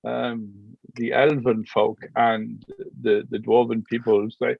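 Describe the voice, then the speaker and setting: A disillusioned, hesitant soldier, acted by a man in a tabletop role-play. He speaks slowly and gropes for words. The voice is heavily creaky and raspy, in dull dry audio. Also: medium pitch, level tone. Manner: halting, groping for words. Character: weary, hesitant, disillusioned male Bretonnian soldier. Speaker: game master.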